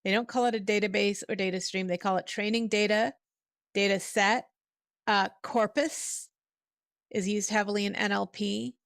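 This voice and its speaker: A woman's voice: mid-range voice, steady tone, moderate pace, vocal fry, fairly bright tone, no echo, studio quality. Chatty woman host on a headset mic. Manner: chatty, laughs often. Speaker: livestream host. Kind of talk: casual livestream chat.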